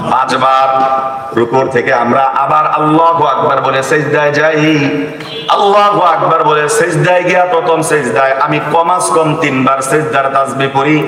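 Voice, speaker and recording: A male preacher with a gives a sermon, calling out questions to the crowd, chanting verses slowly and rising to high impassioned cries. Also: sharp tone. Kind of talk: Islamic sermon. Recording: echoey public address in a large hall.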